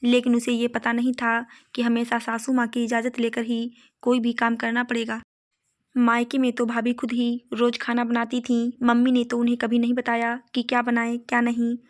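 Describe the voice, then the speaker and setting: Woman reading out a moral story, fairly high voice, flat and steady. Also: normal speed. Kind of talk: scripted narration.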